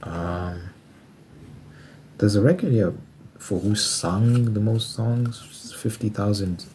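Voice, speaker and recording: This ASMR creator and musician, a man in his twenties, drifts through a casual chat, musing aloud and calculating sums as he goes. He speaks slowly in a somewhat low, slightly mellow voice, over slight background noise.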